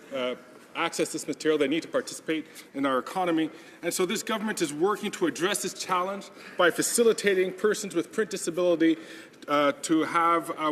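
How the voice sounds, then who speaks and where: Male government member, slightly high voice, halting formal reply, reverberant room. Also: a bit bright. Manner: halting, stumbling over phrases. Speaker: parliamentary secretary answering a question. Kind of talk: formal parliamentary answer. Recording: reverberant chamber with faint noise.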